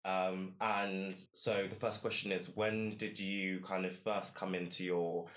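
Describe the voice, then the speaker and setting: Low-voiced man hosting a podcast. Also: flat delivery, measured pace, fairly bright tone. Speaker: podcast host. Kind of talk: conversational podcast presenting.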